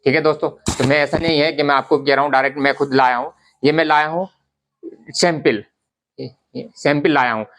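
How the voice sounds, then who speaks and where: Calling his audience brothers, a man casually teaches viewers about fabric quality in a repetitive, conversational talk to camera. The garment business vlogger's fairly high, slightly bright voice is fairly quick with fairly even intonation.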